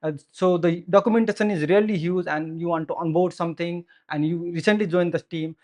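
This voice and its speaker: A man's voice: a little high, steady tone, a little fast, darkish tone. Nepali-accented man giving a tech talk. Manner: earnest, explanatory, frequent "so" and "uh" fillers. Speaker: software engineer giving a meetup talk. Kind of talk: conference tech presentation. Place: meetup room with audience, indoors. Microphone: handheld microphone.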